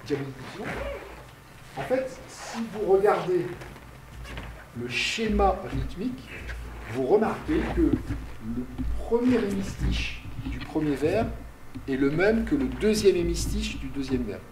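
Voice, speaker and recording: A male university lecturer giving a public lecture, speaking slowly, explaining step by step, asking and answering his own questions, and calling for the next slide aloud. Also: on the high side, sing-song, background noise. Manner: directs slide changes aloud. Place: lecture hall. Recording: roomy, distant lecture hall recording.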